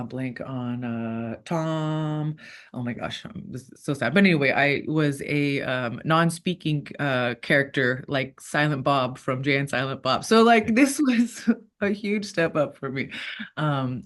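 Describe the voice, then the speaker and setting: A woman in her thirties, a former fighter turned actor, talking casually in an interview and rambling with frequent laughs. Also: deep voice. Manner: chatty, rambling, laughs often.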